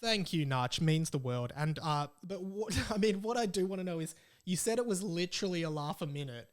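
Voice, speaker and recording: A young adult Australian man with a high-pitched voice hosts a casual solo podcast. He's expressive and brisk, rambling and joking as he goes.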